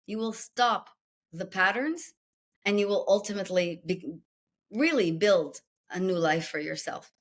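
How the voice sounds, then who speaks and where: A guest executive coach with an Israeli accent answers interview questions, speaking a little slowly in a medium-pitched voice. Rhetorical questions and a list of steps frame her explanation of her method.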